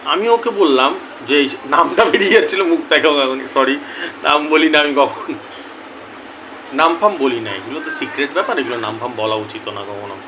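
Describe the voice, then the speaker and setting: A young man telling viewers a story in a casual, animated way, acting out both sides of a conversation. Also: a little high, normal speed, slight background noise, poor audio. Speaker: lottery tips YouTuber.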